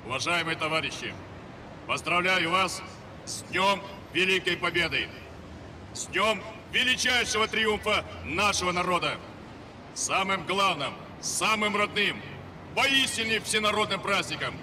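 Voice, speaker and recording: Senior male officer at podium microphones outdoors, declaiming a solemn parade speech over clear background noise. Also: high-pitched, animated, measured pace, pauses often. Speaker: military commander giving parade address. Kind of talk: formal ceremonial speech. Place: outdoor city square. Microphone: bank of podium microphones. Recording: noisy outdoor public address.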